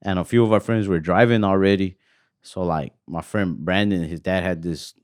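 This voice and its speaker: A man's voice: sits low, steady tone, moderate pace, a little mellow, dry recording, clean studio sound. A young man hosting a podcast, telling a story in a rambling way full of fillers. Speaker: podcast host.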